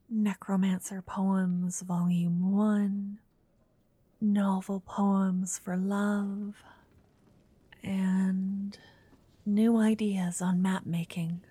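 A woman's voice: mid-range voice, husky, dry recording. A woman voicing a shy, nervous young noblewoman in a whispered roleplay, stammering now and then. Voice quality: soft whisper. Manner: hesitant, stammering.

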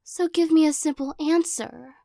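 In this audio roleplay, a young woman's high, gravelly voice portrays a possessive girl who teases and corners the listener. She coaxes and giggles at a moderate pace, frequently sinking into soft whispers. There is no echo.

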